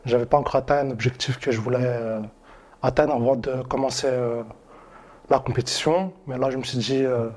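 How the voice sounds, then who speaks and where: Un homme d'une vingtaine d'années, d'origine philippine, boxeur amateur, qui parle en interview d'un ton détendu et plein d'hésitations. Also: male voice, mid-range voice, brisk. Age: 20s. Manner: relaxed, many hesitations. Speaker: amateur boxer.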